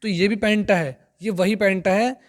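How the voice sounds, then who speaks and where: A man teaching a chemistry lesson, explaining step by step, repeating key terms and reading English textbook lines slowly. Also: sits high, fairly even intonation. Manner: addresses viewers as friends. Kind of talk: classroom lecture.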